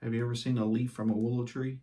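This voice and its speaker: A man hosting his fishing channel, casually reviewing baits at home in a relaxed, chatty way with lots of ums and uhs. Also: medium pitch, quick pace.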